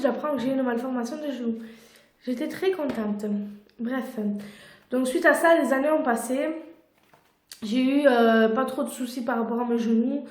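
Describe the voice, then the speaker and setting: Young woman vlogger, casual storytelling, full of fillers and restarts, slightly high pitch, recorded on a phone in a roomy, echoey space. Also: a little mellow. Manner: chatty, many fillers and restarts. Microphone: phone camera. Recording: echoey room.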